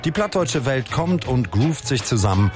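A man narrating a scripted radio report in a lively, rhythmic manner. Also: medium pitch, normal speed, loud music behind the voice.

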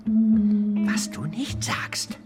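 A man's voice: medium pitch, wildly swooping pitch, slow pace, over loud music. An actor playing a bossy, exasperated burglar who scolds his accomplice with jumpy sarcasm in a comic radio drama for children. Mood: impatient, sarcastic.

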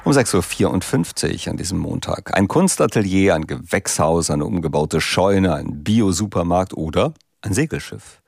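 A man presenting radio news in a measured, announcing way from a studio microphone. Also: low voice, animated, vocal fry, darkish tone, no room sound. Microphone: close studio mic.

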